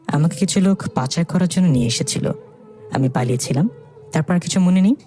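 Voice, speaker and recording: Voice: medium pitch, brisk, dark tone, faint music behind, natural voice. A narrator voicing a frightened kidnapped girl in a horror story, pleading tearfully.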